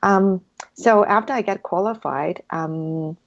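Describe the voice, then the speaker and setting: Speaking slowly with vocal fry, this woman of medium pitch comes through on a muffled recording. She's a Cantonese-native hypnotherapy practitioner appearing as an interview guest, gushing warmly in relaxed conversation and filling pauses with lots of ums.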